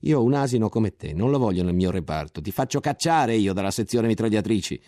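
A man voicing a scornful, furious army lieutenant who shouts insults at a soldier. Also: lowish voice, lively intonation, fast talker, no echo, clean studio sound, voice pushed up, natural voice.

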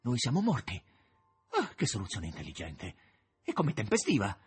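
Male reader as tired, ironic writer, husky voice, audiobook reading. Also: fairly low pitch, wildly swooping pitch, normal speed, heavily acted. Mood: resigned. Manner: ironic, resigned. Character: weary, bitter male writer, middle-aged.

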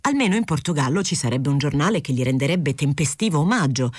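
A woman's voice: low-pitched, animated, fast, breathy edge, no room sound, studio quality. A woman voicing a hesitant, confused male journalist. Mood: earnest. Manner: apologetic, self-justifying.

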